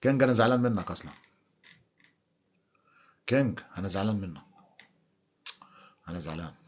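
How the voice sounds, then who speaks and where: A man's voice: low voice, lively intonation, fast. A man hosting a casual live stream, bantering with and teasing his viewers. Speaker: livestream host.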